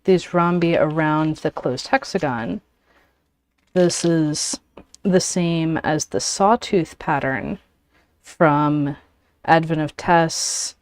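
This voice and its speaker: A woman hosting a casual livestream, chatting with pauses as she works and sounding a little out of breath. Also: deep voice, no room sound. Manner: unhurried, talks while working with frequent pauses. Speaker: origami livestream host. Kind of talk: casual livestream chat while folding.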